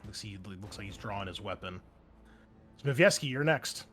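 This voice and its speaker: A game master with a fairly low but bright voice and lively intonation narrates his actual-play tabletop game at a moderate pace. He keeps it informal with wry asides and casual cursing, and music runs underneath.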